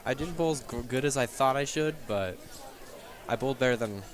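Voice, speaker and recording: A young man, a junior bowler, answering interview questions in a relaxed, matter-of-fact way at a bowling alley. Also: mid-range voice, fairly quick. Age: young adult. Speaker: junior bowler, last year's champion. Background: crowd chatter.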